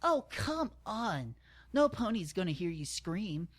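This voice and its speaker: A man's voice: sits high, big pitch swings, takes it slowly, no room sound, pitched above the performer's own voice, exaggerated voice. A man voicing a cruel, scheming female pony who taunts her captive in a raised, mocking voice. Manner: taunting, gloating.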